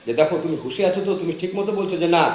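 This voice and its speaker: A man voicing a proud, sharp-tongued young wife who scolds in a raised, shrill voice. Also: lightly acted. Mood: scornful. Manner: raised pitch, shrill scolding, fast rants. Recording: roomy echo, faint background noise.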